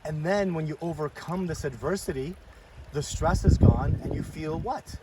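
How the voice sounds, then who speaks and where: A middle-aged man casually interviewing and coaching someone outdoors by a river. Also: a little high. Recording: distant mic, loud rushing water noise.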